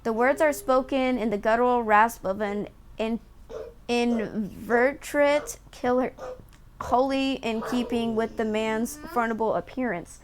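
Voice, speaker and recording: A woman's voice: a little high, a little slow. A woman game streamer reading on-screen story text aloud and chatting in an amused way as she explains it. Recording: faint background noise.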